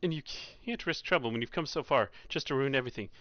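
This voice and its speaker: A man's voice: mid-range voice, fast, no echo, muffled recording. A man live-streaming, narrating a visual novel in second person between chatty asides. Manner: lively, laughs at his own slips.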